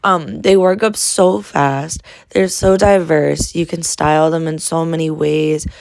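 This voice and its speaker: A woman with a cold talks through a crochet pattern step by step, her voice nasal and stuffed up. She speaks in a low, friendly register and addresses viewers as friends. The recording is close and dry, with no room sound. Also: steady tone, measured pace, vocal fry, a little mellow, no echo. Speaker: crochet tutorial host. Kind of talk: casual step-by-step tutorial.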